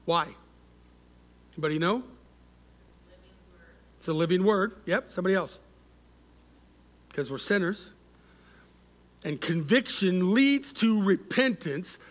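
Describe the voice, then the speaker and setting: A middle-aged man preaching with a notably high voice. He speaks slowly and deliberately, stacking parallel phrases for emphasis. He keeps checking in with the congregation and prompting them to answer. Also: lively intonation. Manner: interactive preaching, asks the congregation for responses; measured, repeats key words for emphasis. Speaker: pastor. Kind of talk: sermon.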